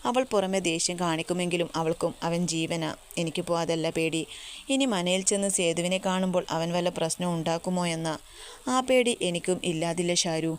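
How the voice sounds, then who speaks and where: A woman voicing a young man who speaks in a calm, earnest way. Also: high voice, a little fast, a little hiss or hum, natural voice.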